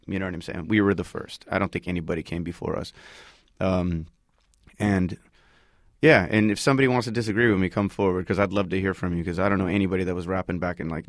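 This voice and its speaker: Musician guest, man, 30s, Northern Californian accent, deep, relaxed and slangy, dry close mic. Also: no echo. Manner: laid-back, loose slangy talk full of likes and you-knows. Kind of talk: casual interview chat.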